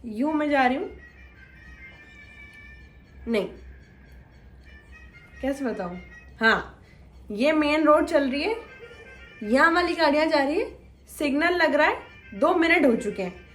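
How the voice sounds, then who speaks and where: A woman's voice: high voice, lively intonation, slow, long pauses, fairly bright tone, faint music behind. A young woman vlogger chatting casually and teasing her viewers in a playful, chatty way. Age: young adult. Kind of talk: casual chit-chat vlog.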